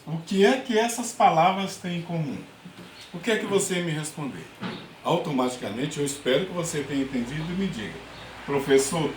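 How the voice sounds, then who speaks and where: A man's voice: a little high, a little hiss or hum. A male language teacher giving a remote class, explaining step by step and often checking in with his students. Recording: roomy echo.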